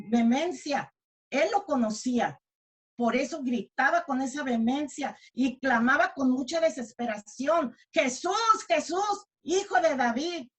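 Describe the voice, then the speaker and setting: A woman preaching a sermon in a Mexican accent, her voice sitting a little high. She speaks earnestly, restarting words and correcting herself as she goes. When she quotes a desperate plea, she cries it out. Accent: Mexican Spanish.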